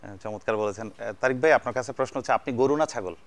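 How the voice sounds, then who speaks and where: Talking at a racing pace in a medium-pitched voice, this Bangladeshi man hosts a relaxed celebrity chat show on TV. He's jokey and effusive, heaping praise on his guests.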